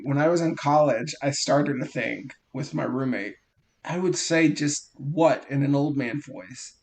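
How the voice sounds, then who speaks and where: A man in his thirties co-hosting a casual podcast chat, telling lively stories and laughing at his own tales. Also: mid-range voice, gravelly. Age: 30s. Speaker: podcast co-host.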